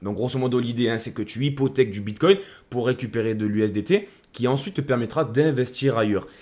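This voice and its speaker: A man's voice: medium pitch, fast talker, darkish tone. A man hosting a casual crypto commentary, speaking in a chummy way that addresses the viewer as a buddy. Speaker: crypto video host.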